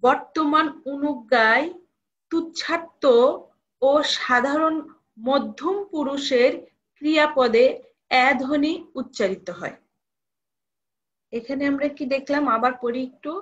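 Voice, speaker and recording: A woman's voice: sits high, measured pace, pauses often, fairly bright tone, highs cut off. A woman college lecturer giving a recorded lesson, repeating each rule and asking students questions.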